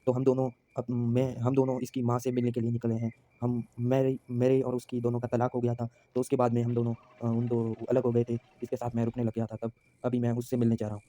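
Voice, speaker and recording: A man's voice: mid-range voice, monotone, mellow, natural voice. A man voicing a frightened pleading father. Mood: explaining. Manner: pleading, hurried.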